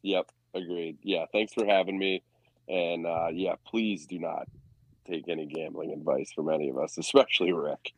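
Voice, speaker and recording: Podcast co-host, man, low voice, dry humor, casual banter. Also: steady tone, normal speed, husky, dry recording. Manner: wry, dry jokes. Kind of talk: casual sports betting chat.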